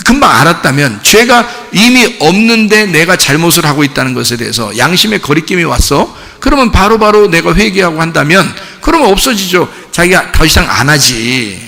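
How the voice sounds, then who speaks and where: A man's voice: sits high, long reverb tail. A male pastor preaching a sermon in a church, asking the congregation questions and acting out little scenes. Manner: lively preaching with acted-out dialogue and rhetorical questions. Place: church sanctuary.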